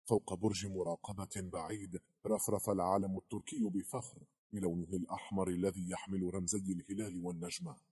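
A man reading a novel aloud as a narrator, in a steady, even delivery. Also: deep voice, gravelly, slightly rough. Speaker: audiobook narrator.

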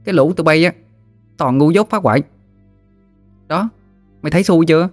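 A man voicing a bold ten-year-old village girl, high and chatty. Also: brisk, no room sound, faint music behind, close to an everyday voice. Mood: teasing.

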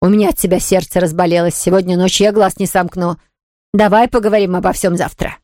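A woman's voice: on the low side, fairly even intonation, quick pace, mellow, dry recording, clean studio sound, natural voice. A woman voicing a strict, self-pitying elderly aunt who scolds firmly. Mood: indignant. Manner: firm, scolding, categorical.

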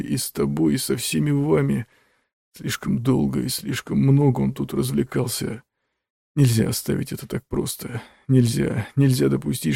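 A man voicing a dying old man who shouts slow, furious accusations. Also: mid-range voice, creaky, husky, no room sound, studio quality. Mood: feeble.

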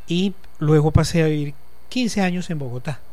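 A journalist and lecturer in his fifties from Colombia's Caribbean coast, with that region's accent, guests on a casual radio interview. His pitch is a bit higher than usual for a man, and he gives long, reflective explanations, pausing often and leaning on small fillers as he thinks.

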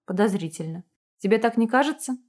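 A woman reading aloud, voicing a furious young woman who shouts at her parents. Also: on the high side, expressive, a little fast, breathy edge. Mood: bitter. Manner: shouting, hysterical.

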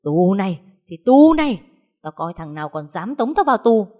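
A woman voicing a hot-tempered peasant woman, an older sister who shouts coarse threats. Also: medium pitch, animated, fairly quick, close to an everyday voice. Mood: enraged.

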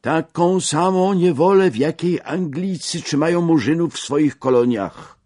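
Man playing a zealous delegate, emphatic oratory, husky, unhurried, dry sound. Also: fairly high pitch, a little mellow, no echo, pitched above the performer's own voice. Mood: impassioned. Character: zealous male workers' delegate giving a speech.

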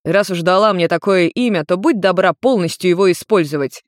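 A woman voicing a blunt, exasperated young man with a low, steady tone. His lines come short and curt. The storybook sound is dry and close. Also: fairly quick, no room sound, lightly acted. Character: irritated young grey-haired man, blunt son.

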